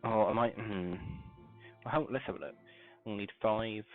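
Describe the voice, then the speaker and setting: A low, gravelly male voice muffled as if through a wall, coming over a thin, phone-like mic. He talks softly and mumbles through his game, grainy when he keeps his voice down. Faint music plays underneath. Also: moderate pace. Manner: talks softly, mumbling to himself while crafting. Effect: muffled, as if talking through a wall. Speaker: game streamer. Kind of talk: casual live-stream gameplay commentary.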